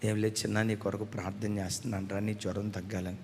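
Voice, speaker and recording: A middle-aged man preaching a sermon as a pastor, moving between hushed storytelling and loud, fervent declarations, recorded in a church hall. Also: on the low side, level tone, fast talker, a little hiss or hum. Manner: swings from soft tearful storytelling to loud impassioned preaching. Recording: long hall reverb.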